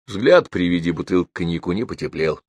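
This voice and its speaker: A man reading a story aloud as narrator in a measured storytelling way. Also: deep voice, animated, a little mellow, slightly rough, no room sound. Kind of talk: audiobook reading.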